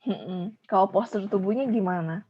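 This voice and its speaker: A woman's voice: medium pitch, normal speed, warm tone, slight background noise. Woman counselor leading a class discussion. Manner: encouraging, repeats pupils' answers. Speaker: school counselor. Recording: dull lo-fi audio.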